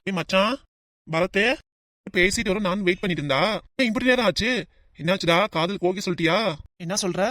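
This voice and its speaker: Cartoon: a voice actor as a loud, joshing young pal, southern Tamil Nadu accent, brisk and dry. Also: mid-range voice, no room sound, natural voice. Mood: teasing. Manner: boisterous, mocking. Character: loud teasing young male buddy. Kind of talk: cartoon voice acting.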